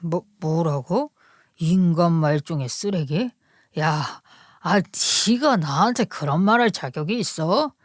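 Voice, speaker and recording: A woman's voice: lowish voice, lively intonation, measured pace, dry recording, clean studio sound. A woman voicing a middle-aged cheating husband who sneers and blames his wife. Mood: scornful. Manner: sneering, contemptuous.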